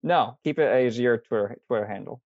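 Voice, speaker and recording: A man co-hosting a casual fantasy football podcast, joking in a dry, low-key way. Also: brisk, dry recording. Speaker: podcast co-host. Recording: dull dry mic.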